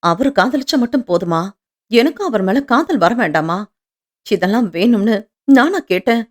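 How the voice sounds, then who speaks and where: A woman's voice: on the high side, expressive, moderate pace, natural voice. A woman voicing an insecure young wife who speaks in hurt, defensive outbursts.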